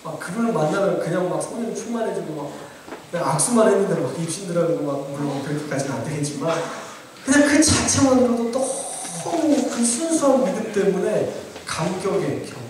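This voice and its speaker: A man's voice: high voice, big pitch swings, brisk, darkish tone, a little hiss or hum. A man pastor preaching a sermon, earnestly urging his congregation in direct address. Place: church sanctuary. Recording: very echoey church room, from far off.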